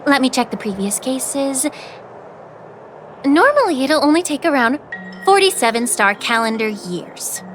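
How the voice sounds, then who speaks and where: An actress playing a composed port official in a video game, polite and teasing with sly sarcasm. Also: female voice, high-pitched, sing-song, a little slow, pauses often, soft background music. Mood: coolly official. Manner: polite, teasing, coolly confident.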